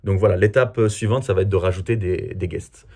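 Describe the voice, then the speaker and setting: A man's voice: low-pitched, fairly even intonation, brisk, gravelly, dark tone. A man from France answering viewer questions in a casual, chatty and self-mocking way. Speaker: comedy video creator. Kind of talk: casual Q&A vlog.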